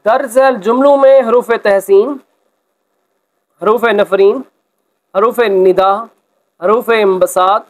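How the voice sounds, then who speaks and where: Explaining a textbook exercise during a school lesson, this man reads example sentences with expression and at a slow pace. His voice is high, and the recording is rough.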